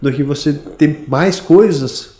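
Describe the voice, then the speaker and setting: A man's voice: fairly high pitch, slow, dark tone. A Brazilian man with a Brazilian Portuguese accent, hosting a podcast and asking curious, conversational questions. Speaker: podcast host. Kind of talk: interview questions. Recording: roomy podcast studio.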